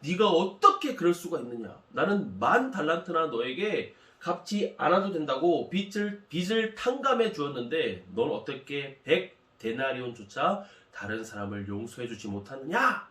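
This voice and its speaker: A man's voice: on the high side, very animated, moderate pace, few pauses, roomy sound. A man voicing a stern, commanding master who demands repayment of a debt. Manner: commanding, forceful.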